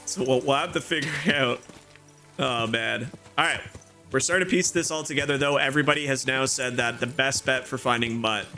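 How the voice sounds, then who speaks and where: A man hosts a casual gaming playthrough in a bright, mid-range voice. He chats and thinks aloud in exclamations, with game music faintly behind him. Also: medium pitch, a little fast.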